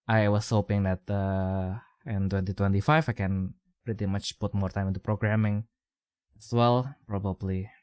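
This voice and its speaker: Young indonesian-accented guy rambling on a podcast, lowish smooth voice, dry sound. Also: darkish tone, dry recording. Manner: rambling, many fillers and restarts, chuckles often. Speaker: podcast co-host. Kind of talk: casual podcast chat.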